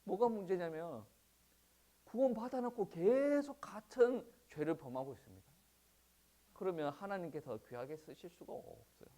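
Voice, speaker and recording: With a high, warm voice and lively intonation, a male pastor speaking with a Gyeongsang Korean accent delivers a sermon, asking his congregation rhetorical questions and filling pauses with "eo."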